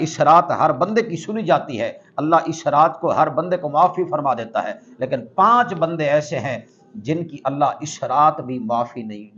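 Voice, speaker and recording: A man's voice: mid-range voice, fairly bright tone. A man preaching a sermon, emphatic and declamatory, repeating his points. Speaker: Islamic preacher. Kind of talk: Urdu sermon. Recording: dull lo-fi recording.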